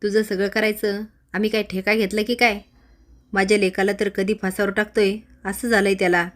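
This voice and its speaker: A woman's voice: mid-range voice, little pitch movement, fairly quick, lightly acted. A woman voicing a stern older father who speaks harshly and reproachfully.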